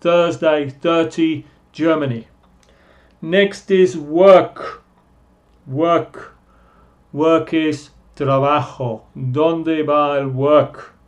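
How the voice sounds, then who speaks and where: Male teacher, very slow, drawn-out repeated sounds, fairly high voice. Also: fairly even intonation. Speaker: English teacher. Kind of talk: slow pronunciation lesson.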